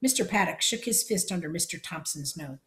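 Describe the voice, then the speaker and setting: A woman reading a storybook chapter aloud in plain, steady narration. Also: lowish voice, a little fast.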